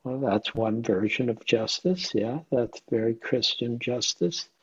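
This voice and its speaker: A meditation teacher leads an informal question-and-answer dharma talk, conversational and questioning as he checks in with listeners. His medium-pitched voice is measured with a breathy edge, and the audio is dull.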